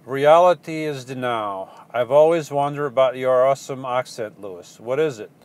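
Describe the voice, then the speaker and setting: A van-life vlogger with a Portuguese accent chats casually in a live Q&A, answering viewer questions. His mid-range, slightly mellow voice halts and rambles, full of ums and restarts.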